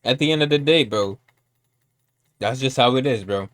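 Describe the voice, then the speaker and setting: A man's voice: mid-range voice, moderate pace, a bit bright, no room sound. A man doing casual live reaction commentary as a streamer, talking in repetitive slang and often saying bro.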